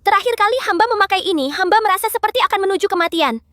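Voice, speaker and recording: An actress dubbing a young empress in a historical drama, speaking in a wry, thoughtful way. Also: female voice, extremely high pitch, lively intonation, very fast, a bit bright, no room sound, studio quality. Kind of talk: Indonesian drama dub.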